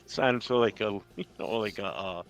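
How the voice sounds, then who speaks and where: A man's voice: lowish voice, moderate pace, vocal fry. A man from Rhode Island hosting a sports podcast, chatting casually and profanely, with a lot of fillers, over faint music. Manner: profane, joking, rambling with fillers. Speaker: podcast host.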